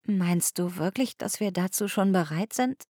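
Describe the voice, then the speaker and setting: A woman's voice: lowish voice, moderate pace, warm tone, dry recording, clean studio sound, natural voice. A woman reading an audiobook, voicing a playful, stubborn young woman who protests in a raised, whiny tone. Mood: anxious.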